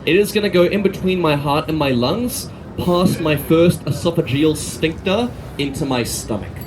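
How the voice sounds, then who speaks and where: A man's voice: on the high side, moderate pace. A man with an Australian accent giving a sword swallower's comedic street show patter, cheeky and teasing as he addresses a crowd. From Australia, from Melbourne. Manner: cheeky showman, teasing the audience and volunteer. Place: outdoor city street. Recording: outdoor street noise with traffic.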